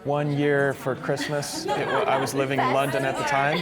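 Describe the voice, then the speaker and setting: A man in a workshop telling a casual anecdote, relaxed and hesitant. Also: medium pitch, normal speed, over a noisy crowd. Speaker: workshop participant. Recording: noisy crowded room.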